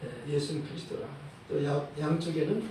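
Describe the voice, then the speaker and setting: A male pastor preaching a sermon in a church, in a measured way, often dropping a short "yes" between phrases and quoting verses. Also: a little high, warm tone, slight background noise. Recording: echoey hall, voice from a distant mic.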